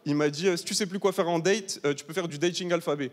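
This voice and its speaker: A young man in his twenties from southern France performs a brash, talkative stand-up set, ribbing an audience of 800 in a large comedy hall. His voice is on the high side, steady in tone, and quick. The live recording has reverb and faint ambience.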